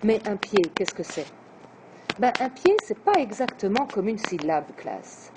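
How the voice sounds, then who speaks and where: A woman teacher giving a lesson on poetry, counting out syllables slowly and deliberately. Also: mid-range voice, big pitch swings, background noise. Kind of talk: classroom lesson on verse.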